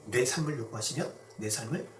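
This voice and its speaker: Male pastor, storytelling sermon, lively and wide-ranging pitch, distant mic in an echoey church hall. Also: fairly quick, slight background noise. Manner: conversational storytelling preaching with acted-out quotes. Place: church sanctuary.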